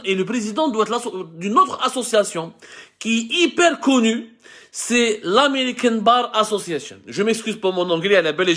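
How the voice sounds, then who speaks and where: An Algerian-accented man in his thirties hosts a live commentary, his voice sitting high for a man. He talks with passion and keeps breaking off to restart and correct himself. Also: a bit bright. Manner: impassioned, with frequent restarts and self-corrections. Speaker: host of a live online show.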